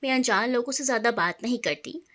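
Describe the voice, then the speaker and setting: A woman's voice: a little high, fast talker, sharp tone. A woman voicing a reserved, sad young wife who answers curtly and guardedly, in a storybook reading. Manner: curt, guarded.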